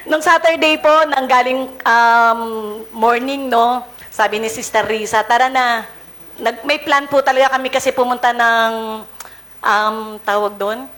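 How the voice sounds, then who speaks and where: A woman's voice: fairly high pitch, fairly bright tone. A Filipino woman preaching with a cold, chatting and laughing through a casual story before her sermon. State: congested with a cold. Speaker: lay preacher.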